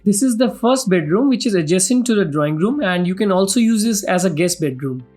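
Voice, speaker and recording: A man's voice: high-pitched, expressive, a little fast, darkish tone. Indian-accented man presenting a property tour, music behind. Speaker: property vlog host. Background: background music.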